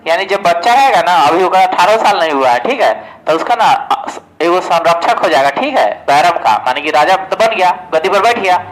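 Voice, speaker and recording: A man's voice: high voice, lively intonation, fairly quick, a bit bright, poor audio. A man giving a casual exam-prep history lesson, asking questions and answering them himself. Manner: asks questions and answers them himself, often says "ठीक है". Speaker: exam coaching teacher.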